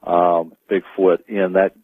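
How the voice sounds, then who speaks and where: A man answering as a radio interview guest, speaking in a halting, deliberate way and circling back on his words. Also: low voice, level tone. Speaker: interview guest, Bigfoot tracker. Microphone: telephone. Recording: dry, narrow phone-line sound.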